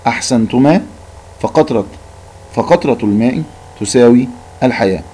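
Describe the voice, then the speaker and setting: Approving storybook dad read by a man, measured and clear. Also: mid-range voice, dark tone, lightly acted. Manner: measured, clear reading-aloud delivery. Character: father in a school reading, approving adult man.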